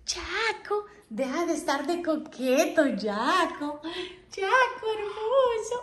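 A woman's voice: extremely high pitch, sing-song, slow, fairly bright tone. A woman chatting in doting, sing-song baby talk to her pet parrots at home, often laughing. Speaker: parrot owner and vlogger.

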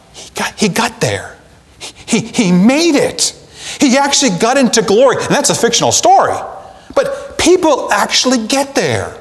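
A middle-aged male pastor preaching a sermon, swinging from emphatic peaks down to hushed asides. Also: fairly high pitch. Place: church sanctuary. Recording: long reverb of a large hall.

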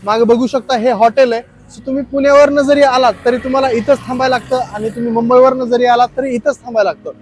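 A young man with a Marathi accent, talking excitedly to a handheld camera outdoors and while paragliding, in a casual travel vlog. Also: extremely high pitch, fast talker, few pauses, slight background noise. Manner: energetic, chants slogans loudly mid-flight. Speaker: travel vlogger. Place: outdoors, then in the air paragliding. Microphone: handheld camera at arm's length.

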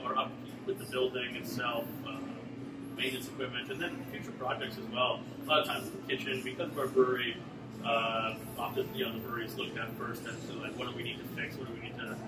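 A man's voice: mid-range voice, quick pace, heavy background noise. Chatty man recorded from across an echoey taproom. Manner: relaxed and chatty, many fillers. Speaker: brewmaster. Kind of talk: casual interview. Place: brewery taproom with concrete block walls. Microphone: camera mic from a few meters away. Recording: echoey room, distant mic, loud music.

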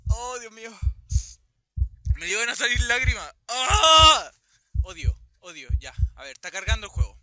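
A man commentating a horror game, easily scared, shouting and swearing at every fright. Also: sits high, lively intonation, normal speed, crowd noise. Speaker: gamer, video host. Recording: loud background noise.

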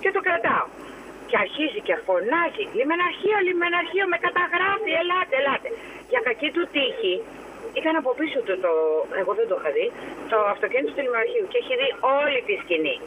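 A woman's voice: fairly high pitch, big pitch swings, a bit bright, slight background noise, poor audio. A woman phoning in to a show, agitated and indignant as she recounts a complaint. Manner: agitated, indignant, fast retelling with quoted dialogue. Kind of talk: phone-in interview, recounting a complaint.

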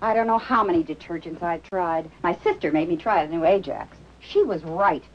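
A woman's voice: fairly low pitch, normal speed, a little hiss or hum, close to an everyday voice. A woman playing a plain-spoken housewife giving a testimonial in a vintage TV commercial. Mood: frank. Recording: dull vintage TV soundtrack, faint music.

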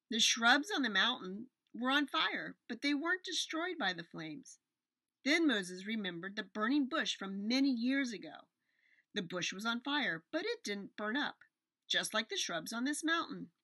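A woman's voice: a little high, sharp tone, no room sound. A woman in her forties telling a Bible story to children on a webcam from a small room at home, gesturing as she talks. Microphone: webcam at desk distance.

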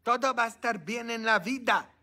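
A man preaching as a priest in a lively Bible study, swinging from shouting peaks to hushed asides, with chatty tag questions. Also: extremely high pitch, normal speed. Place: church.

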